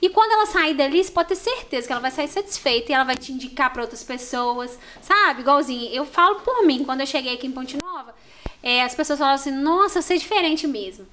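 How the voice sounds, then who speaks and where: A woman speaks with a Minas Gerais Brazilian accent in a relaxed podcast conversation. Her voice sits fairly high, and she tells her stories with animated warmth. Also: fast, a little hiss or hum. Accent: Brazilian Portuguese, Minas Gerais. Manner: animated storyteller, warm and expressive. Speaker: store manager guest. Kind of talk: casual podcast chat.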